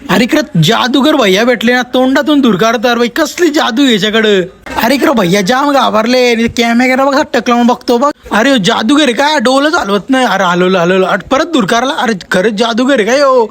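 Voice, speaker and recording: A man's voice: very high-pitched, a bit bright. A man talks over his vlog footage. He pokes fun at his friends in a teasing, mock-amazed running commentary. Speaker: vlogger.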